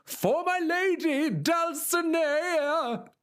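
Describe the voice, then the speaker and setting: A man's voice: medium pitch, big pitch swings, slow pace. A man voicing Don Quixote, a deluded, grandiose old knight, speaking in a formal, theatrical way. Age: older.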